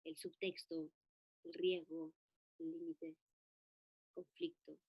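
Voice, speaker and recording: A woman puppeteer and actress talking about voice work, lively and given to demonstrating voices as she goes. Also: low-pitched, takes it slowly, husky, highs cut off. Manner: animated, demonstrates voices mid-talk. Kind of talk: talk on voice acting.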